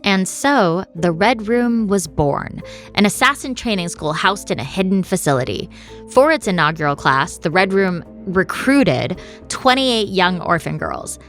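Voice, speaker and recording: A woman's voice: medium pitch, very animated, a little slow, fairly bright tone, soft background music. A woman co-hosting a scripted podcast, narrating with a playful, teasing manner. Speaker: podcast co-host.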